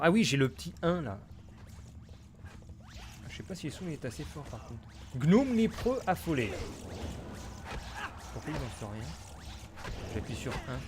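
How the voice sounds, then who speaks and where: A man talks through a game session in a slightly high voice, half muttering and half grumbling as things go wrong. He mostly thinks aloud to himself. A faint hiss runs under the recording. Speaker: gamer streamer. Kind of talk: casual let's-play commentary.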